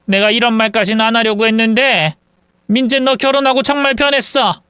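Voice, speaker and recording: A bitter older mother-in-law, as a man puts her on, hurling accusations in a high, piercing tone. Her voice is smooth and crisp, set close and dry with no room sound. She rants on without letting up. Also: fairly quick, bright, forceful tone, dry recording. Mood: reproachful. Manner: shrill, accusing tirade.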